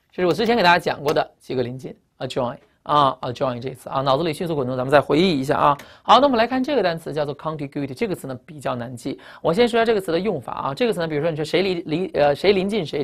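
A deep-voiced woman, a native Chinese speaker, teaches English vocabulary in a recorded lecture. She is emphatic, asking rhetorical questions and breaking down word roots letter by letter.

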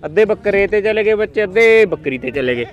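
A man's voice: high voice, expressive, fairly quick, highs cut off. A man with a Punjabi accent hosting a market video, coaxing people and pressing sellers on price. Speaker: livestock market video host brokering a deal. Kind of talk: lively haggling at a market. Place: outdoor livestock market.

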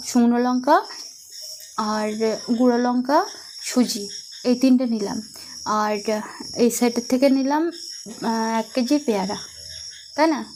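A young woman with a Bengali accent talks quietly and unhurriedly to her vlog viewers, her voice sitting a bit high. She fills pauses with little hums as crickets and insects sound faintly in the night behind her. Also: a little hiss or hum. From India. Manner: soft-spoken, unhurried, many fillers. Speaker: vlogger. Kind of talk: casual chat to viewers. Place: home veranda at night.

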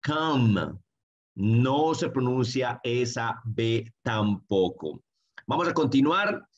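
A man whose first language is Spanish, teaching English pronunciation online in a friendly way and repeating each word slowly. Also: mid-range voice, animated, husky, muffled recording. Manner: friendly, slow repetitive drilling of words.

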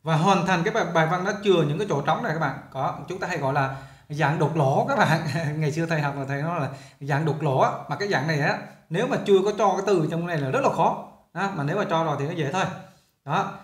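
A man's voice: fairly high pitch, fast talker. A male English teacher, explaining a lesson in a chatty way and often repeating himself. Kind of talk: casual classroom explanation. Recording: roomy echo.

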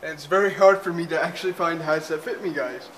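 A young man rambles through a casual vlog, chatty and loose with lots of fillers, walking around a small cluttered spare bedroom with a handheld camera held at arm's length. His voice is a little high and a bit bright, and he talks fast. The recording is rough, with slight background noise.

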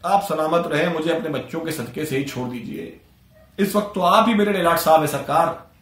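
A man's voice: fairly high pitch, normal speed, sharp tone. A man voicing a boastful, pompous old male clerk who puffs himself up, in an echoey room. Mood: pleading. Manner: puffed-up and boastful, then pleading.

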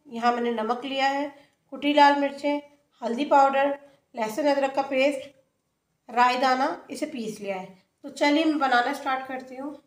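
Cooking host, woman, high voice, step-by-step recipe narration in an echoey home kitchen. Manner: plain, explains each step as she works.

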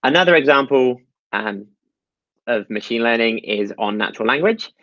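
A man's voice: medium pitch, lively intonation, moderate pace, a bit bright, no room sound, dull audio. A man giving a technical talk over slides at an online meetup, explaining step by step with frequent ums and uhs. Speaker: meetup presenter.

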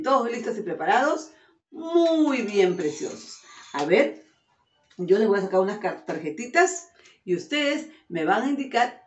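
A woman primary teacher giving a virtual lesson to young children, fondly calling them her loves and drawing out each example sentence slowly. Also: medium pitch. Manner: affectionate, calls children "mis amores"; slow, drawn-out sentences for dictation. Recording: roomy, dull lo-fi sound.

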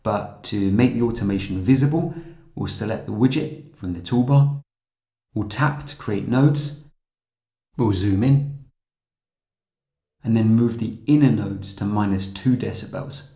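A man narrating a scripted software tutorial in a calm, steady, explanatory way. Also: fairly low pitch, a little slow, pauses often, roomy sound.

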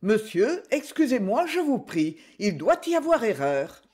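A woman's voice: on the high side, sing-song, unhurried, dark tone, husky, pitched above the performer's own voice, full character voice. A woman voicing a puzzled young man who stammers apologies and questions. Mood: flustered apologetic. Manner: hesitant, apologetic.

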